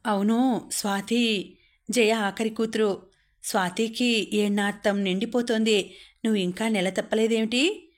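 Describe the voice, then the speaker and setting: Woman voicing a shrill, domineering old mother-in-law. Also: fairly even intonation, measured pace, pauses often, natural voice. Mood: demanding. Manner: scolding, shouting. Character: sharp-tongued older mother-in-law, domineering.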